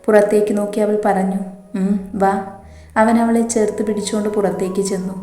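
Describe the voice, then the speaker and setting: Soft-voiced woman reading a romance story. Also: medium pitch, flat delivery, quick pace. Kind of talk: scripted narration of a romance story. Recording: echoey room, faint music behind.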